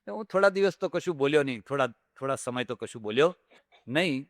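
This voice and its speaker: A man's voice: medium pitch, animated, a little fast, fairly bright tone, no room sound, studio quality. An older man giving a spiritual discourse as a swami, telling stories and repeating phrases for emphasis. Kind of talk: Gujarati spiritual discourse with anecdotes.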